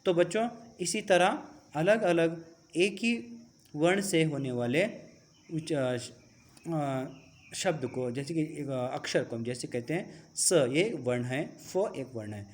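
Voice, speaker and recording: A man's voice: on the high side, slow pace. A man teaching a Hindi alphabet lesson to schoolchildren, who explains step by step and answers his own questions.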